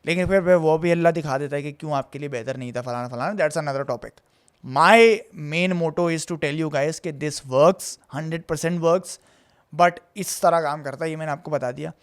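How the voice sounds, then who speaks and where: Animated man telling a story. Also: a little high, moderate pace, clean tone. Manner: animated, mixes Urdu with English phrases. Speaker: host and theatre actor. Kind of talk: casual storytelling monologue.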